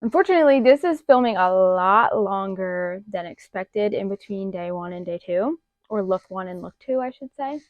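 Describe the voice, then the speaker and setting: A woman's voice: mid-range voice, moderate pace, dry recording. Makeup vlogger lady, slight lisp, rambly and chatty, kinda dull dry lo-fi sound. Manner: chatty, expressive, rambling with fillers. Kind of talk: casual chat.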